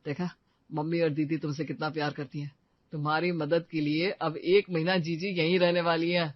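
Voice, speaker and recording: A man's voice: on the high side, level tone, moderate pace, no echo, dull audio, lightly acted. A man playing a cheerful young husband who praises his family.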